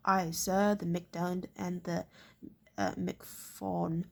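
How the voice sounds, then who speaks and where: A woman voicing a serious northern infantry captain in a storybook reading, answering loudly and earnestly. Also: on the low side, level tone, slow, gravelly, full character voice.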